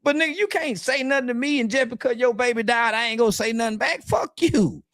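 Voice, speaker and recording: A man with a notably high voice launches into a defiant interview rant, blunt and profane, circling back to the same points again and again. The sound is dry and close, with almost no room around it. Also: quick pace, a bit bright, no echo. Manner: profane, blunt, repeats himself; defiant and angry. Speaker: interview guest.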